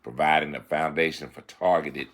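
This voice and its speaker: A man hosting a self-help talk segment, moving between formal read-out passages and relaxed, folksy asides, often checking in with "all right?". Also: extremely low pitch, normal speed. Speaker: show host giving self-help advice.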